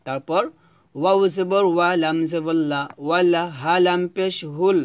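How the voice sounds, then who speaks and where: A man teaches Quran reading, drawing out each Arabic syllable slowly so learners can repeat after him. His voice sits a little high and comes through smooth and clear. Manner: slow, drawn-out syllable-by-syllable recitation, repeating for students to follow.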